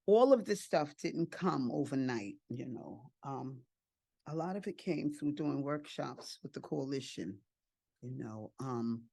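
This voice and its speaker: A woman's voice: lowish voice, a little mellow, no echo, clean studio sound. An older woman, an adoptive and foster parent, giving a heartfelt personal testimony and repeating phrases for emphasis. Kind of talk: emotional personal testimony speech.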